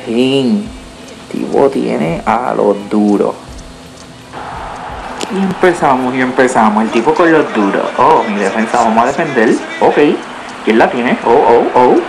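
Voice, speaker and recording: A man's voice: mid-range voice, measured pace, gravelly, over music, poor audio. A man commentating his own football video game match, groaning, cursing and cheering at the play and slipping into English. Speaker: gaming YouTuber. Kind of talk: gameplay commentary.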